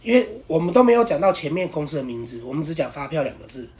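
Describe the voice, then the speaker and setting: Sex: man. Role: podcast host. Style: casual storytelling, rambling and animated, full of restarts. Pitch: fairly high. Pace: fast.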